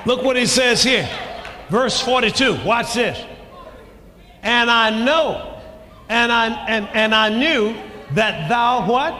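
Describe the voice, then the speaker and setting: A man preaching a sermon, calling out to the congregation and shouting lines for emphasis. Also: extremely high pitch, animated, slow, long pauses, noisy background. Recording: long hall reverb, faint ambience.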